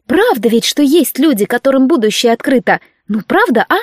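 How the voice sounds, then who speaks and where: A woman voicing a naive, excitable young servant girl who chatters breathlessly and pleads. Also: high-pitched, fairly quick, no room sound, studio quality. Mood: eager pleading.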